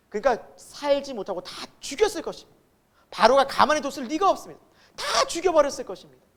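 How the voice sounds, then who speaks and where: A man preaching a Sunday sermon as pastor, asking the congregation rhetorical questions and acting out quoted voices, with sudden loud emphasis and soft asides. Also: sits high.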